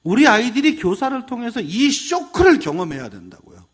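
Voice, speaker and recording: A middle-aged male pastor gives a teacher training talk in a high, husky voice. His pitch swings widely as he acts out what children and teachers say. He moves easily between stories and teaching. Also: fairly quick. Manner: animated, acting out quoted voices of kids and teachers.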